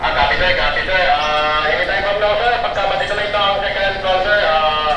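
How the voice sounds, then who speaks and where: Man, police radio style, clipped call-outs, high voice, distant and echoey outdoors. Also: a little fast. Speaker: radio operator in an airport drill. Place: outdoors at an airport. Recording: far off, echoey, loud outdoor noise. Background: loud outdoor noise.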